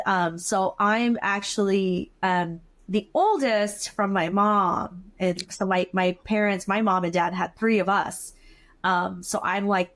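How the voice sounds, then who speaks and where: Host: thoughtful woman from California, mid-pitched, affirming, pauses on "um.". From California, USA. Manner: warm-hearted, affirming, thoughtful with frequent "um". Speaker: podcast host. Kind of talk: casual conversational interview.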